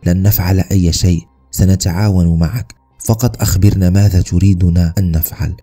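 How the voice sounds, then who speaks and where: A frightened young man , voiced by a male narrator, pleads in a submissive way. His husky voice has a dark tone, and faint music plays under the story. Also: sits low, fairly even intonation, a little fast. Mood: pleading.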